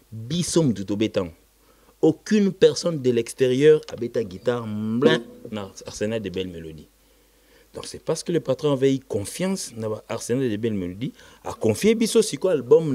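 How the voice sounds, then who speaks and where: A musician being interviewed, a man with a Congolese accent whose first language is Lingala, recounts his band's history in a casual conversation. His medium-pitched, dark-toned voice is emphatic and repetitive as he switches between halting French and Lingala.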